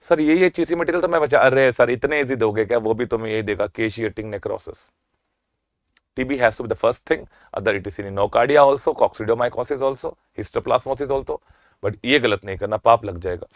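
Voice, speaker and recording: A man with an Indian accent giving a rapid-fire revision lecture as a medical exam lecturer. He is energetic and teasing, quizzes the class, answers his own questions and stretches key terms out slowly. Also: on the low side, dry recording, clean studio sound.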